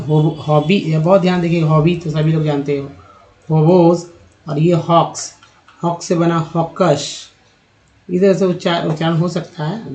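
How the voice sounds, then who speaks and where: A man's voice: on the high side, darkish tone, poor audio. A man with a Hindi accent teaching English reading online, reading word lists aloud one word at a time with short pronunciation notes. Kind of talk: online phonics lesson.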